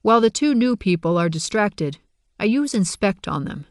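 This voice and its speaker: A man's voice: sits high, big pitch swings, moderate pace, no echo. Wry first-person audiobook narrator, man, dry close mic.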